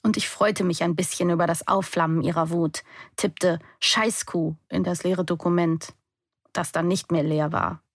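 A woman's voice: lowish voice, steady tone, moderate pace, dry recording, studio quality. A young adult woman giving an intense, emotional first-person audiobook narration.

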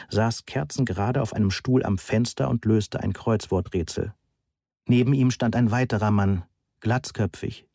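A man narrating an audiobook with dry, wry timing. His voice is low and mellow. The recording is close and dry, with no room sound. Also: creaky, no echo.

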